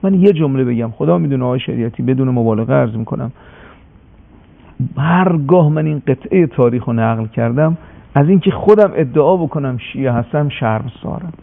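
A man tells a religious story in a sermon-like way, passionate and drawing out his words for weight. His middle-pitched voice has a gravelly edge. The sound is thin and phone-like, as on a radio broadcast. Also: expressive. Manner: impassioned, slows for emphasis. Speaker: religious speaker.

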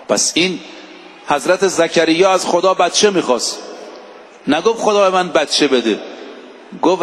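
A man giving a sermon to a congregation, exhorting his listeners and slowing down to chant verses from scripture. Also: high voice, long reverb tail. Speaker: preacher.

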